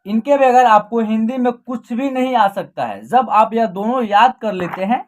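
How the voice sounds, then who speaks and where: A woman teaching an online reading lesson, patiently explaining and drawing out each syllable as she pronounces example words. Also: fairly high pitch. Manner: patient, repeats "ठीक है ना", draws out sounds when pronouncing.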